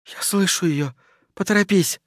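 A man reading a storybook voices a frightened young woman who speaks through tears in a hushed, shaky way. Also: deep voice, steady tone, moderate pace, no room sound, studio quality, close to an everyday voice. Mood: hushed, grim. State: crying. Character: young woman, terrified, weeping, bitter.

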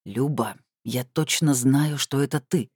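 A stern, accusing middle-aged man, as a woman reader puts him on in an audiobook, speaking in a deep, dark, cold hiss. The voice sits low and sounds close and dry, with nothing of the room around it. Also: very animated, moderate pace, husky, no echo, exaggerated voice. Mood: menacing. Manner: lowered, cold, hissing delivery. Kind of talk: audiobook character voice.

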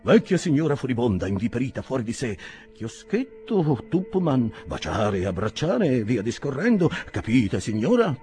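A man's voice: mid-range voice, sing-song, normal speed, dark tone, soft background music, pitched above the performer's own voice, lightly acted. A man reading an audiobook, voicing a scheming swindler who talks in clipped, staccato phrases with melodramatic flair. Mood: urgent. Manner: theatrical, melodramatic. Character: smooth-talking scheming adult male swindler.

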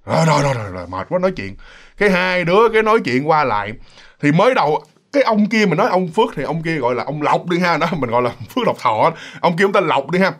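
A man's voice: a little high, animated, fast, fairly bright tone. A man telling a ghost story in a chatty, casual way, speaking straight to his listeners. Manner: chatty, addresses listeners directly, many fillers.

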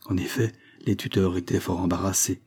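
Dark-voiced husky male narrator. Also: low voice, fairly even intonation, brisk. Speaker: audiobook narrator. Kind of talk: scripted narration of a novel.

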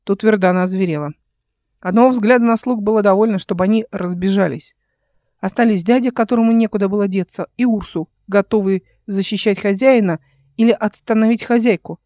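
Mellow male audiobook narrator. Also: sits high, no echo, clean studio sound. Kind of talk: scripted narration.

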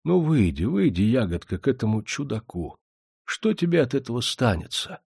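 A man reading a storybook, voicing a stern but humble old widowed father who speaks in a slow, deferential way. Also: medium pitch, sing-song, gravelly, darkish tone, husky, no room sound, studio quality, voice pushed up, exaggerated voice. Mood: measured, coaxing.

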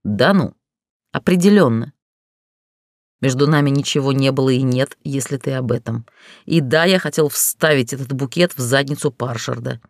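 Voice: mid-range voice, normal speed, no room sound, close to an everyday voice. An audiobook reader voicing a cocky, blunt dragon man, speaking in dry, teasing banter. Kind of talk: audiobook character dialogue.

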